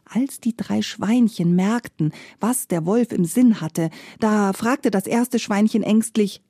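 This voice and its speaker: A woman narrating a fairy tale in a slow, gentle and expressive way, close to the mic. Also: mid-range voice, no echo. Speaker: storyteller.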